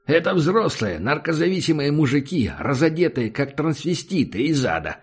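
A man's voice: fairly high pitch, very animated, normal speed, husky. A man reading an audiobook and voicing a sarcastic tough male skinhead survivor who mocks and swears coarsely. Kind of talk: audiobook character voice.

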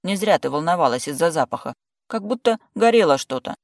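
A reader voicing a calm male friend who teases and talks matter-of-factly. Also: on the high side, fairly quick, gravelly, no echo, studio quality. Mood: teasing. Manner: teasing, matter-of-fact. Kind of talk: audiobook character voice.

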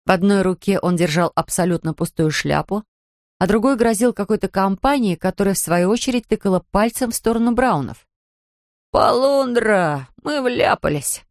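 A woman narrating a children's storybook with lively expression. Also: medium pitch, brisk, no room sound, studio quality. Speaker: audiobook reader.

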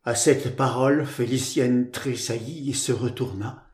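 Audiobook narrator: man, measured and literary, in a roomy echo. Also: medium pitch, steady tone, darkish tone. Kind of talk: scripted narration.

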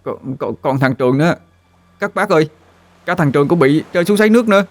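A man's voice: a little high, animated, fast talker, voice pushed up. A man voicing a frightened young village boy who stammers in panic.

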